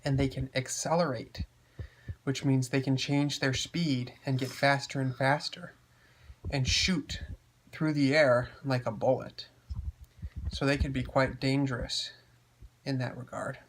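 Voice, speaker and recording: A man telling a made-up bedtime story to a child, gently explaining as he goes. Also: medium pitch, fairly even intonation, measured pace, a little hiss or hum, low-quality recording.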